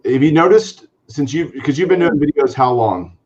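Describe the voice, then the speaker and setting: A man co-hosting a casual chat, relaxed, reading out viewer questions. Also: on the high side, normal speed, a crowd in the background. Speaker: co-host. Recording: dull, muffled audio.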